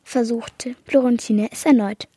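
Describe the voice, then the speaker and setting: A woman with a husky voice reading a children's book aloud. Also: fairly high pitch, fairly even intonation, a little slow, mellow, dry recording. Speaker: reader.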